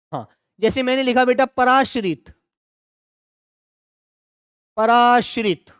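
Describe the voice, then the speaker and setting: A middle-aged male teacher running an online exam-prep grammar class, repeating each example and coaxing students to answer quickly. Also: high-pitched, clear, resonant tone, no room sound, clean studio sound.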